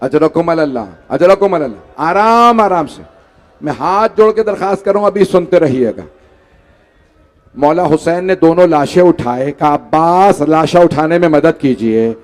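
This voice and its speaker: High-voiced man in a grieving sermon. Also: animated, measured pace. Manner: pleading with the audience, voice rising into wailing lament. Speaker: preacher. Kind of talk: mourning sermon recitation. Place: large hall.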